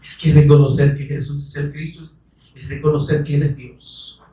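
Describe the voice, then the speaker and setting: A man preaching a sermon, fervent and rising to shouts, calling listeners brother. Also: a little high, flat delivery, moderate pace. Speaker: pastor. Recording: echoey room, voice from far off the mic.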